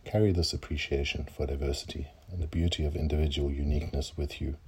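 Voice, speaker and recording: Deep husky man guiding meditation slowly. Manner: slow, soft-spoken and calm, trailing into breathy near-whispers. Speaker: meditation guide. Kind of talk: guided meditation.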